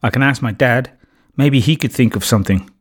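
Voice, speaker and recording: A man voicing an excited, curious young schoolgirl who asks eager questions. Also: mid-range voice, a little fast, husky, lightly acted.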